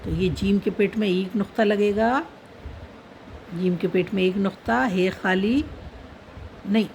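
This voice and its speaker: A woman's voice: medium pitch, darkish tone, slight background noise, poor audio. A woman teaching how to write Urdu letters, patiently naming each letter and dot as she writes. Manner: patient, repeats letter names while writing. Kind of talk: slow step-by-step writing lesson.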